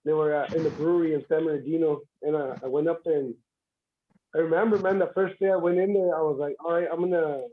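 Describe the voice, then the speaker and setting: A man's voice: on the high side, fairly even intonation, quick pace. A man on a livestream telling a story about how he started armwrestling, with lots of restarts and fillers. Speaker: armwrestling competitor guest. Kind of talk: casual livestream chat. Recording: dull lo-fi stream audio.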